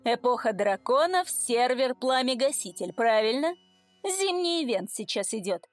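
A woman voicing a quiet, sly young male intern who is a gamer. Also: a little high, expressive, a little slow, no echo, soft background music. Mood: knowing. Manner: quiet, matter-of-fact.

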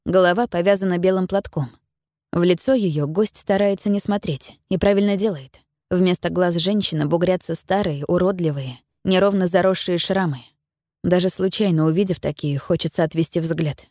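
Woman audiobook narrator, low voice, measured storytelling, dry close studio sound. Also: warm tone, dry recording. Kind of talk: scripted narration.

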